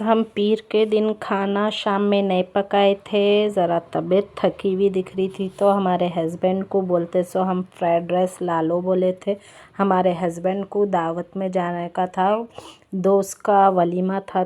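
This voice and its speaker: A woman's voice: medium pitch, level tone, measured pace, mellow. A woman, a mother narrating a family vlog in a rambling, repetitive way. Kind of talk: casual vlog voice-over.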